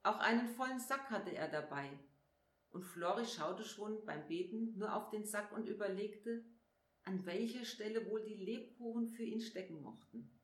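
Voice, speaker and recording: A woman reading a children's story aloud in a calm, clear storybook manner. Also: mid-range voice, normal speed. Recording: echoey room.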